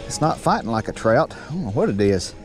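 Speaking a little fast over music, a middle-aged man with a medium-pitched voice chats folksily and casually as he fishes for his vlog. He is on a small boat on calm water outdoors, and the body-worn action camera's audio has a steady noise.

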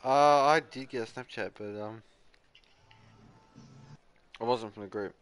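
A man's voice: mid-range voice, measured pace, smooth, dry recording. A man chatting and ranting while gaming on a live stream, swearing a lot. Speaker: gamer. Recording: loud background noise.

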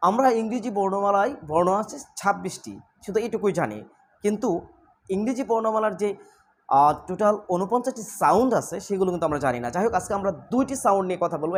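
A woman's voice: medium pitch, animated, a little hiss or hum. Woman teacher, repeats sounds over and over for practice. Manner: slow drilling of sounds, mixing Bengali and English. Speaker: English pronunciation teacher. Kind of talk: spoken English lesson. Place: indoor room with a fan running.

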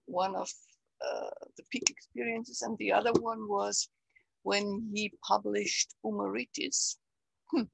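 An older woman with an Austrian German accent, speaking English on a video call, reflective and halting, with many fillers. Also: medium pitch, vocal fry, breathy edge, dry recording, rough recording. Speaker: interview guest, salon organizer. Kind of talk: casual conversation on a video call. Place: bright room at home. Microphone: webcam on a video call.

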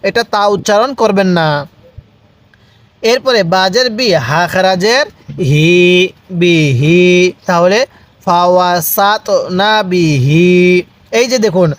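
High-voiced man teaching Quran recitation. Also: dry recording. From Bangladesh. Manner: spells out letters and vowel marks, then recites slowly and has viewers repeat; asks viewers questions, then answers them himself. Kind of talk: step-by-step recitation lesson.

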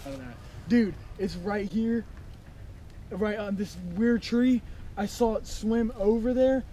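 A young man with a fairly high voice, hyped and slangy, chatting about a fish he just landed. He was recorded outdoors on an action camera at a lake. Steady outdoor noise and honking geese run behind his voice. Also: a little slow. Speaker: fishing vlogger. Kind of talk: excited outdoor fishing chat. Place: lakeshore in woods, outdoors.

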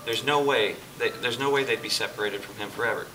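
In an amateur church play on a church hall stage indoors, a man cast as Jesus earnestly and patiently explains things to his dinner guest. His mid-range voice moves fast and is lightly acted. A far camera captures him from a distance, with music playing behind.

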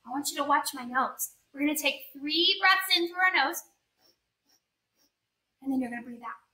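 High, bright woman with kindergarten teacher delivery. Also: expressive, moderate pace. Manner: encouraging, simple child-directed phrasing. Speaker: children's yoga teacher. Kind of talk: kindergarten teacher talk, guiding young children through story yoga. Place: indoor yoga studio room. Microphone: camera mic a few metres away. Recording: roomy, distant camera microphone.

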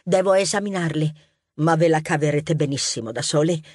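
A woman's voice: sits low, fairly quick, darkish tone, no room sound, studio quality. A woman playing a friendly, witty police inspector mouse, businesslike and teasing. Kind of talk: audiobook character acting.

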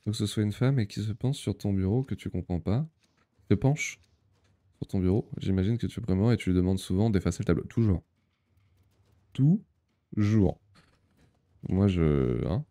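A man's voice: sits low, expressive, fairly quick, mellow. A young man chatting casually on a live stream, reading the chat aloud, laughing often and using many fillers.

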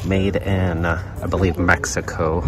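Low, slow-talking man at a flea market. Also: crowd noise. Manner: murmurs excited remarks on items and prices. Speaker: vlogger shopping a flea market. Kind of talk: casual running commentary while browsing. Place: outdoor flea market on a grassy field. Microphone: handheld phone camera, first-person view. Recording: loud outdoor background noise.

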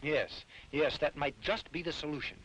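A man's voice: on the high side, moderate pace, fairly bright tone, muffled recording. An earnest doctor father. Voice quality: earnest, reasoning. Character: calm male doctor, worried family father. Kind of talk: 1950s dubbed film dialogue.

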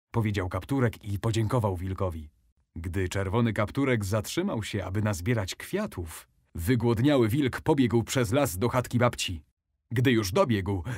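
A man narrating a children's bedtime story in an expressive, animated way. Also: lowish voice, husky, no room sound, clean studio sound.

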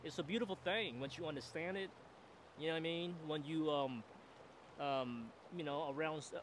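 A man in his forties muses aloud on a solo podcast, his voice a touch higher than most. He rambles and circles back, leaning on "you know what I mean" at every turn. He is seated outdoors at a boom mic, with faint outside noise behind him. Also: normal speed. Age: 40s. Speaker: podcast host. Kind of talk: casual solo monologue. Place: outdoors, seated in a camp chair in a river. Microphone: boom mic on a stand.

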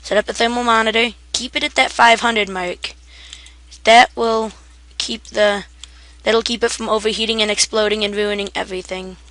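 A woman walks through a video game setup in a loose, half-asleep way. Her voice is bright with a gravelly edge, and she trips over words and laughs off her own mistakes. Keyboard typing sits behind her. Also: medium pitch, fairly even intonation, moderate pace, dry recording. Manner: sleepy, rambling, self-deprecating. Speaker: gaming tutorial maker. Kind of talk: casual game tutorial.

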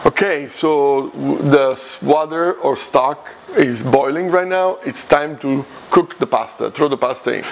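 A man's voice: fairly high pitch, creaky, slight background noise. A man in his fifties with an Italian accent, casually hosting a cooking demonstration in short, repeated phrases, recorded in a home kitchen. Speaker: cooking show host.

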